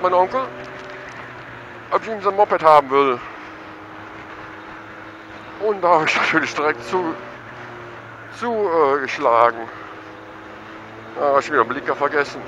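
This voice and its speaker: A middle-aged man giving casual, excited running commentary while riding a motorcycle through town. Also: a little high, a little slow, pauses often, muffled recording, noisy background. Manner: chatty and excited, thinking aloud. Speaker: motovlogger. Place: outdoors on a motorcycle in town traffic.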